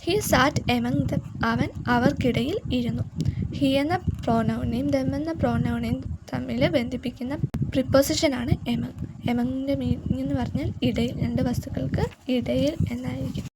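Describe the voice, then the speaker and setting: A woman teacher explaining grammar, reading her example sentences slowly and deliberately. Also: high voice, fairly even intonation, very noisy.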